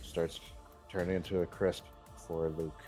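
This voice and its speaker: A man narrating as game master of a tabletop game, amused and lively. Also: low-pitched, measured pace, faint music behind.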